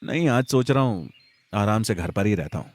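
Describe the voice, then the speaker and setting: A man's voice: lowish voice, normal speed, close to an everyday voice. A man voicing a jumpy, teasing young villager. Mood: casual. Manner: tries to sound calm, teasing. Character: scared young village man, Vicky's friend.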